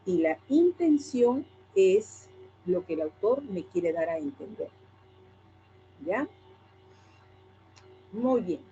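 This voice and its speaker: A woman's voice: medium pitch, sing-song, slow, long pauses, warm tone, dull audio, a little hiss or hum. A woman teacher with a Peruvian Spanish accent, lecturing a class and asking herself questions that she answers straight away. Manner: asks and answers her own questions.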